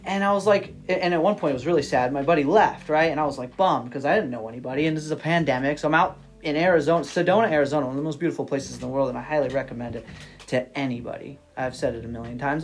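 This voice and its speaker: A man's voice: a little high, lively intonation, fast talker, soft background music. A man guesting on a podcast, talking in a rambling, casual way, full of restarts, repeated words and frequent "you know what I mean" tags. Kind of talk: casual interview chat.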